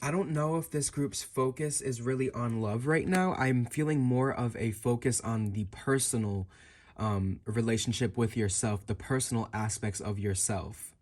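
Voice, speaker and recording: A man with a mid-range voice speaks at normal speed as a tarot card reader. He delivers an improvised fortune-telling reading directly to the listener, musing aloud and circling back to repeat and rephrase his words.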